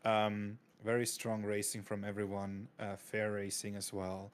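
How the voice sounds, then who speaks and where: A man with a somewhat low voice speaks as a guest on a racing broadcast. He talks in halting bursts with frequent restarts and fillers. His manner is casual and appreciative. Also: completely flat delivery, clear, resonant tone. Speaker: guest commentator. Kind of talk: casual chat.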